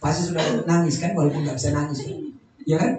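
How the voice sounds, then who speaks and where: Pastor, male, high-pitched, playful and teasing, far off-mic in a reverberant church hall. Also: animated, fast, mellow, slight background noise. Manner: humorous, teasing the congregation with acted-out asides. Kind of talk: sermon. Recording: echoey church hall, mic at a distance, faint background.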